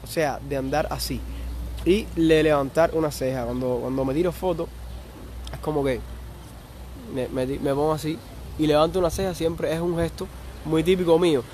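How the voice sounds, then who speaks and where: A man's voice: on the high side, steady tone, normal speed, long pauses, a little mellow, slight background noise. A young man with a Cuban Spanish accent, chatting casually on a live stream, reading viewer comments aloud and answering them. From Cuba.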